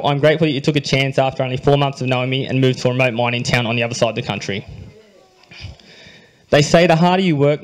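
A young man with an Australian accent reads a prepared groom's speech at a wedding reception, speaking into a handheld microphone. His delivery is dry and understated, with light jokes, frequent throat-clearing and a quiet emotional undercurrent. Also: mid-range voice, poor audio. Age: young adult. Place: wedding reception hall, indoors.

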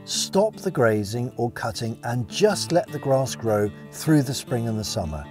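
Mellow-voiced man teaching outdoors. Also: mid-range voice, sing-song, measured pace, faint music behind. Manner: clear, enthusiastic explaining. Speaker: conservation educator. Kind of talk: instructional nature film. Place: outdoors in grass fields.

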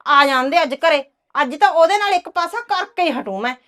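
An actress playing a proud, quick-tempered village housewife who scolds and curses, speaking. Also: female voice, high-pitched, animated, a bit bright. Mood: scolding. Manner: scolding, cursing. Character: sharp-tongued village housewife, angry and proud. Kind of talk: village drama dialogue.

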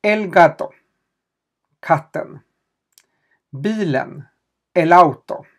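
A language teacher running a question-and-answer lesson, spelling out letters and repeating them patiently, with small hesitations while explaining. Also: medium pitch.

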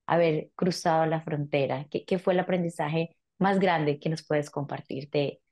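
A woman's voice: sits low, steady tone, a little slow, a little mellow. A woman hosting a TV interview, asking her guest questions in an earnest, encouraging way. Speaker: host. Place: small studio set.

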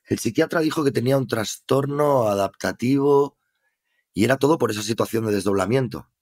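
A man's voice: mid-range voice, a little fast, darkish tone. A man with a Spain Spanish accent, a podcast guest telling his story in earnest, reflective casual conversation.

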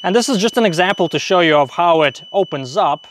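Audio is poor, with slight background noise, as a brisk man in his thirties with a high, lively voice hosts a DIY repair video. Outdoors at a table in a leafy garden, he explains a hands-on fix step by step in casual, plain language into a clip-on wireless mic on his chest.

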